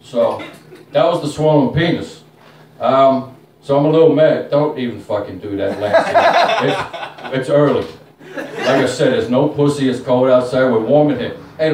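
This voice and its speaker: A man's voice: medium pitch, background noise. A male stand-up comedian telling a crude, profane story to a small bar crowd. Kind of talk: stand-up set. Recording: roomy live room from a distance.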